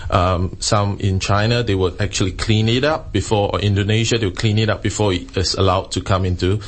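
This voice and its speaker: A man speaking as an expert interview guest, explaining his research in a halting way with frequent pauses and hesitations. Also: lowish voice, fairly even intonation.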